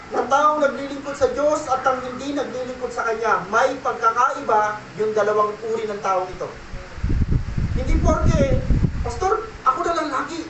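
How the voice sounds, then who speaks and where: A man's voice: very high-pitched, sharp tone, slight background noise. A man preaching a sermon as pastor. He checks in with his listeners with a repeated "okay?" and mixes in English phrases. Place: church. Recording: echoey church room, mic at a distance.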